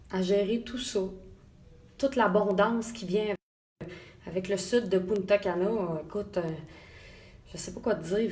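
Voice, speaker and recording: A woman with a Québécois accent, a makeup artist, chatting while she does a live makeup tutorial from a hotel room and greeting viewers by name. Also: mid-range voice. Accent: Québécois French.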